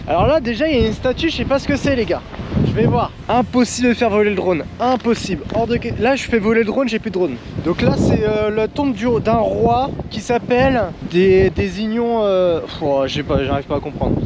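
An excited young adult vlogs in fierce wind, his high-sitting voice a little fast as he shouts to "les gars" on a snowy cape and later inside a van at night. Loud wind noise hits the arm's-length handheld camera's mic.

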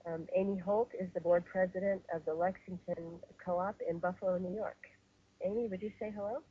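A woman hosting and facilitating a webinar call, speaking in a measured way with many fillers and restarts. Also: lowish voice, steady tone, husky. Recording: muffled phone-line webinar audio.

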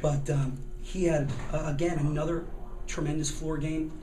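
A man's voice: a little high, flat delivery, normal speed, mellow, distant mic, a little hiss or hum. A man in his thirties, a basketball coach giving a postgame press interview, talking earnestly and often repeating words as he searches for them. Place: hallway by sponsor backdrop, indoors. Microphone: handheld reporter mic below frame. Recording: echoey hallway, camera set back.

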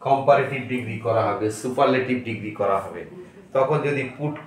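A man teaching English grammar in a slow lesson, repeating words and spelling them out letter by letter. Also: medium pitch. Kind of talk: slow classroom-style lesson. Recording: very echoey room, distant mic.

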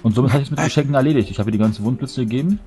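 A man's voice: medium pitch, rapid-fire, mellow. A man, chatting casually and teasingly while playing a game with friends. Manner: joking, teasing, rambling. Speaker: let's play gamer. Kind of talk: casual gaming banter. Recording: voice chat with faint background music.

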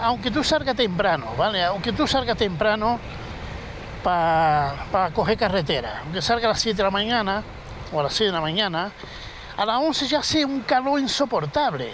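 High-voiced man riding a motorbike. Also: moderate pace, poor audio. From southern Spain. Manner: chatty, animated storytelling with swearing. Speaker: motovlogger. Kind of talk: casual chat while riding. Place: outdoors on a motorcycle at night, city streets. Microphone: helmet-mounted action camera. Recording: loud street and engine noise. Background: traffic and city street noise.

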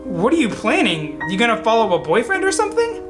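A man voicing a wisecracking, protective teenage boy as he reads the boy's text messages aloud, with loud guitar music behind him. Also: very high-pitched, huge pitch swings, quick pace, heavily acted. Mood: joking. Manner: teasing, wisecracking delivery. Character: joking teenage guy friend, protective and wisecracking. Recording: music playing loudly behind.

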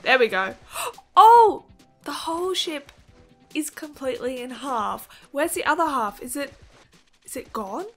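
Excitable high-voiced woman narrating gameplay. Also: normal speed, soft background music. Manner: excitable, gasping and giggling, chatty reactions. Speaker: gaming video host. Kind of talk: game commentary.

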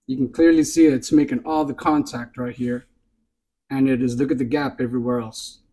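A man's voice: medium pitch, steady tone, moderate pace, warm tone, poor audio. A man hosting a hobby video, demonstrating a part up close and insistently repeating short pointers to look and see. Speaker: RC hobby channel host. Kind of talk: hands-on demonstration to camera. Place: indoors at a workbench.

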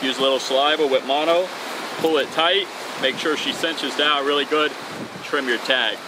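His voice sits fairly high and moves at a normal speed as this thirty-something fishing channel host teaches outdoors on a bridge over open water. Tying knots while he talks, he stays upbeat and casual, with wind and waves audible behind him.

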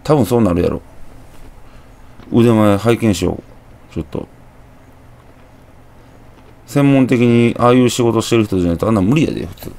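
A man's voice: lowish voice, moderate pace, creaky, long pauses, a little mellow. A young man with a Kansai accent, chatting through a horror game, muttering to himself with jumpy exclamations. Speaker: gameplay commentator. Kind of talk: horror game let's play commentary.

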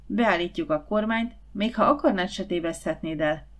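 A woman's voice: lowish voice, close to an everyday voice. A woman narrator voicing a confident, eager schoolboy who leads his friends in a storybook. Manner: lively, confident, persuasive.

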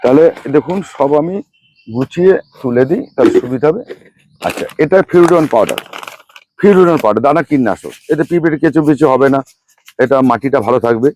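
Fast-talking man showing gardening steps. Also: mid-range voice, animated, darkish tone, a little hiss or hum. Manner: chatty, repeats amounts and names of each ingredient. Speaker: rooftop gardening channel host. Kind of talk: hands-on gardening demonstration.

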